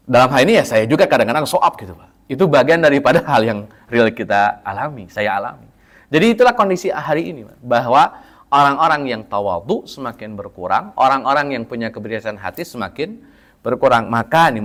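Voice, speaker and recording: A male preacher giving a conversational sermon, often addressing his listeners directly and lifting his voice for emphasis. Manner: animated, with sudden pitch lifts for emphasis. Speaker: Islamic preacher.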